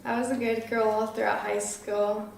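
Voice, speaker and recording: A woman's voice: fairly high pitch, flat delivery, normal speed, vocal fry, a little mellow, recorded from a distance, a little hiss or hum. A nineteen-year-old woman answering interview questions casually, giggling and using lots of "like" fillers. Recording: very echoey room, voice off-mic.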